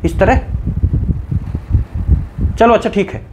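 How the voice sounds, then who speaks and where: A man teaching a video lesson, explaining grammar in an animated way and playfully scolding his students in jest. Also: high voice, slow pace, noisy background. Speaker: English teacher.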